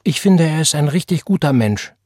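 A man voicing an earnest, eager little girl with a husky voice, in an audiobook reading. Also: on the high side, animated, normal speed, darkish tone, dry recording, clean studio sound, voice pushed up.

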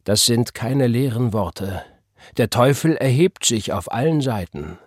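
A man's voice: medium pitch, sing-song, measured pace, a little mellow, breathy edge, no room sound, studio quality, voice pushed up. A man voicing a fervent churchwoman who speaks pious, emphatic lines with a raised voice. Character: fervent churchwoman, loud and exclaiming.

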